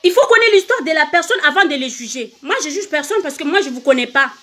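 High bright Comorian woman livestreaming. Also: animated, fast talker, faint music behind. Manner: emphatic, repetitive, asks viewers for hearts. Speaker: singer on a livestream. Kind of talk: casual livestream monologue.

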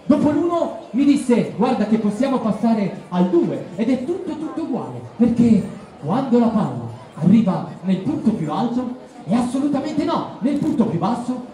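A man's voice: extremely high pitch, very animated, moderate pace, mellow, heavy reverb. A man performing as a street juggler, running a comic show with a child volunteer in a festival square, teasing and making mock-grand announcements. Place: outdoor town square at a festival. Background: crowd of onlookers.

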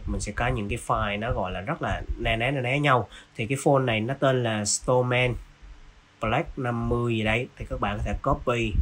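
A design tutorial host, a man with a mid-range voice, casually walks through the steps of a screen-recorded software tutorial, using many fillers. A little hiss or hum sits in the background.

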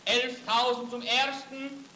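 Formal auctioneer, declamatory bid-calling, 1930s film, echoey and distant sound. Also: male voice, extremely high pitch, steady tone, slow pace, slight background noise, heavily acted. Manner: loud, declamatory auctioneer's delivery. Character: formal auctioneer at a society charity gala. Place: large ballroom set, on stage.

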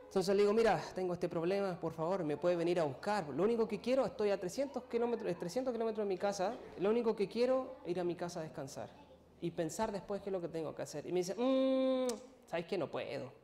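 A man giving a sermon testimony, telling a personal story in a halting, emotional way and acting out what people said to him. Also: high voice, animated, dark tone, slight background noise. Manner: storytelling, acts out his own and others' words, emotional, halting. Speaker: preacher.

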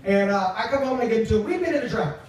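A young man, the groom's brother and best man, delivers a humorous, teasing wedding toast, telling stories haltingly into a handheld microphone in a large reception tent. His voice sits high with lively intonation, and the recording, made from a few metres away as the mic plays over speakers, is echoey, distant and noisy.

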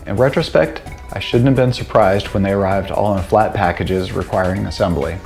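A man's voice: deep voice, moderate pace, creaky, darkish tone. A middle-aged man narrating his home renovation in a chatty, self-deprecating, jokey way, filmed at arm's length in his house. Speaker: home improvement vlogger. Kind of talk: casual DIY narration. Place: house interior, laundry and dining rooms. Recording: echoey room with background music.

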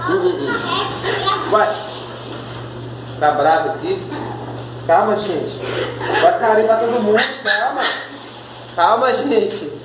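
A woman filming her puppies at home, talking to them in a coaxing, repetitive, soothing way. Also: fairly high pitch. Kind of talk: casual home video. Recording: echoey room with loud background noise.

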